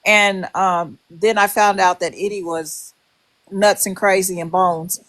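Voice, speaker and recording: A woman's voice: medium pitch, fairly even intonation, a little slow, a bit bright. A woman in her sixties in casual livestream chat, talking in a direct, advising way. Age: 60s.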